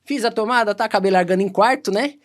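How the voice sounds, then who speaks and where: A Brazilian man telling stories as a podcast guest, casual and animated, acting out quoted dialogue. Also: high voice. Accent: Brazilian Portuguese. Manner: animated, quick anecdotes full of quoted dialogue. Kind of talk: casual storytelling.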